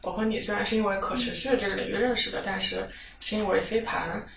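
A woman's voice: medium pitch, fairly even intonation, fast, gravelly, fairly bright tone. A woman hosting a casual podcast chat, asking playful questions. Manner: chatty, asks playful questions. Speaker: podcast host. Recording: roomy, distant mic with noise.

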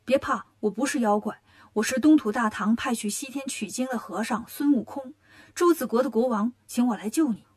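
A woman voicing a cheeky, cocky monkey king in a children's storybook tale, talking briskly. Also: fairly high pitch, a little mellow, natural voice. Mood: scheming.

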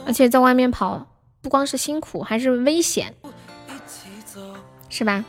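A woman's voice: high voice, lively intonation, measured pace, soft background music. A young woman hosting a casual livestream, chatting with viewers, laughing often and reading out their names. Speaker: livestream host.

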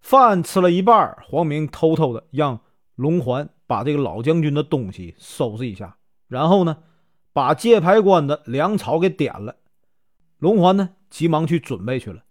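A man with a Northeastern Mandarin accent telling a classic novel in a chatty, colloquial way, full of drawn-out fillers. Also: a little high, big pitch swings. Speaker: storyteller.

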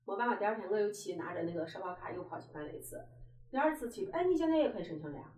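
A woman's voice: medium pitch, animated, racing, darkish tone, reverberant, poor audio. A woman in her fifties telling a story in casual chat, chatty and emphatic with frequent exclamations. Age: 50s.

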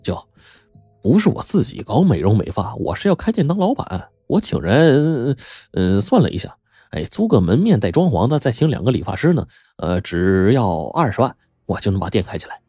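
A man's voice: on the low side, sing-song, dark tone, husky, no room sound, studio quality, soft background music, heavily acted. A man voicing an eager, proud young excavator driver who earnestly defends his plans. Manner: earnest, defiant, quick.

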